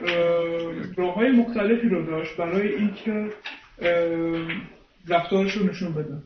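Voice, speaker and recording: High-voiced man interpreting a sermon. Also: echoey room, far from the mic, lo-fi sound, background noise. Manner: hesitant, many filler sounds.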